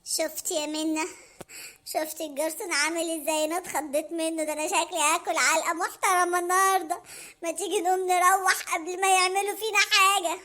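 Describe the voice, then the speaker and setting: A woman voicing a broke, scheming, nervous young man, speaking with an Egyptian accent in an anxious, low mumble. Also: expressive, a little fast, sharp tone, heavily acted. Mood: fretful. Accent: Egyptian Arabic.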